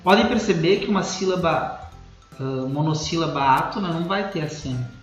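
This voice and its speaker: High-voiced Brazilian teacher explaining slowly. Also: male voice, animated, roomy sound, highs cut off, soft background music. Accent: Brazilian Portuguese. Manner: slow, explanatory, repeats key points. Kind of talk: recorded school lesson.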